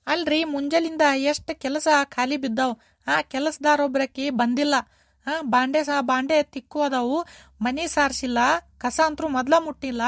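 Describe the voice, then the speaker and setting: A woman voices a nagging older mother-in-law in a cartoon, shrill and complaining, repeating herself in a North Karnataka Kannada accent. Her intonation is fairly even and her pace a little slow, recorded dry in studio quality.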